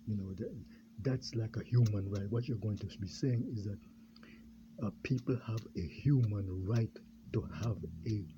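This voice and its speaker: A man from Jamaica, a pastor, talking in a rambling unscripted monologue, halting and full of fillers and repeated words. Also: on the low side. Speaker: pastor and self-styled candidate. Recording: dull lo-fi recording with clear background noise.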